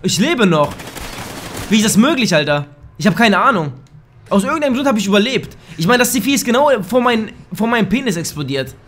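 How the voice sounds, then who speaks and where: A young man giving crude, excitable let's play commentary in a slightly hoarse voice, now and then bursting into shouts. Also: high-pitched, a little fast, slight background noise. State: a bit hoarse. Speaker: gaming YouTuber. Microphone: desk microphone.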